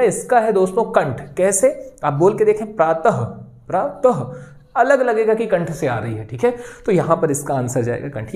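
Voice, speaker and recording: A man's voice: high voice, a little mellow. A man teaching an exam-prep grammar lesson, reassuring and often checking in with his students as he explains. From India. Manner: reassuring, repeats "okay" and "friends" often.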